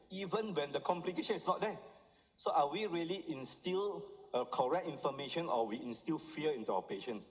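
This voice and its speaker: A middle-aged doctor, giving a conference lecture and often checking in with the audience with "huh?" and "right?". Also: male voice, a little high. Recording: long hall reverb.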